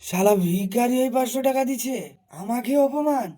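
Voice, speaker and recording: A woman playing a loud, indignant, foul-mouthed drunk man in a comedy sketch, ranting coarsely. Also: fairly high pitch, normal speed, lightly acted. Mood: insulted. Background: music.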